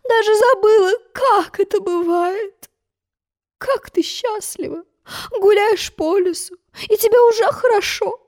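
A woman's voice: measured pace, darkish tone. A woman voicing a fussy, tearful old queen who shrieks and wails. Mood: mournful. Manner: wails and shrieks in a high, shrill voice.

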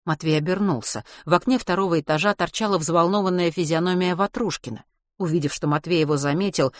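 A woman's voice: sits low, no echo, clean studio sound. A woman narrating a children's novel as an audiobook reader. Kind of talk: scripted narration.

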